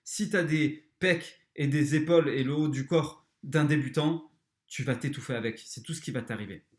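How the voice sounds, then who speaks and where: Brief: male podcast host, slightly high voice, blunt and crude motivational talk, echoey room. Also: moderate pace. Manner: blunt, crude, talks straight to the listener. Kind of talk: motivational self-help talk.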